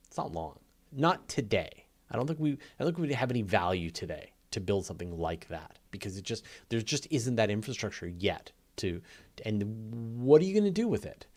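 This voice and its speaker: A man hosts a live astronomy Q&A, his lowish voice sing-song, fairly quick and slightly mellow. Speaking off the cuff, he explains things conversationally and emphatically, building his points through repetition and everyday analogies.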